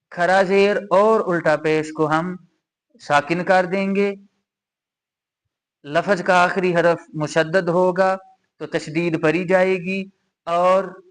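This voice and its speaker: A man with a Pakistani Urdu accent teaching a Quran reading lesson, patiently repeating each rule and reciting examples slowly. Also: high-pitched. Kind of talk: slow explanatory lesson.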